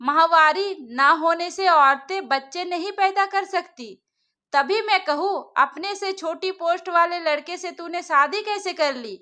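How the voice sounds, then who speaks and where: Storybook mother-in-law, stern and old-fashioned, high bright scolding voice, read by a woman. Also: measured pace, full character voice.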